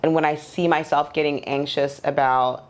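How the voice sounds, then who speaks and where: A woman's voice: low-pitched, fairly even intonation, normal speed. A woman in her forties from Nigeria, a podcast guest speaking candidly and reflectively at home, with a loose, open way of talking. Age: 40s. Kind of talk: candid personal conversation.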